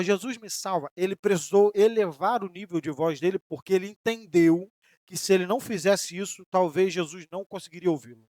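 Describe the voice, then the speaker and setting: High-voiced Brazilian preacher man. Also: dry recording, clean studio sound. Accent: Brazilian Portuguese. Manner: preaching with emphatic rises and sudden soft drops; voices imagined questions from listeners. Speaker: pastor. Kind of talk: sermon.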